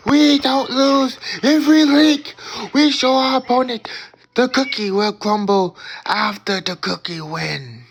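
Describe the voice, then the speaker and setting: Commentating his own game, a man hurls hyped trash talk, drawing out dramatic, boastful chanting taunts and calling his opponents noobs. His voice is extremely high-pitched with vocal fry.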